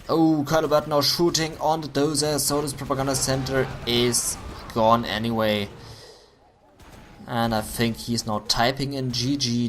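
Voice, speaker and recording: A man commentating a video game match on his own, getting excited at big plays, his voice going hoarse. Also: mid-range voice, a little hiss or hum. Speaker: esports caster.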